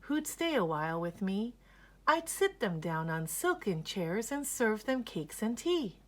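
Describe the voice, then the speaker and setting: Woman voicing Miss Spider, high, plaintive storybook spider. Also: very animated, measured pace. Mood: wistful. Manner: pleading, plaintive. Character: lonely, yearning female spider, polite and plaintive.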